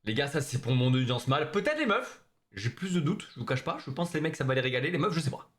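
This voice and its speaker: A man's voice: mid-range voice, very animated, fast. A young man chatting with his viewers during a live stream, joking in slangy talk. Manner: slangy, joking, talks straight to chat.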